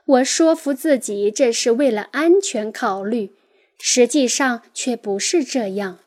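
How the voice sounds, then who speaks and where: Slow, high-voiced woman reading aloud. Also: darkish tone. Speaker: audiobook narrator. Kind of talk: scripted nonfiction reading.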